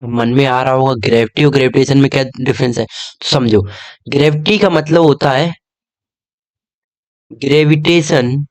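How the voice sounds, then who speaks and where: A young man teaches an exam-prep lesson. He talks casually at a medium pitch and keeps checking that his students follow with a quick "okay?". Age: young adult.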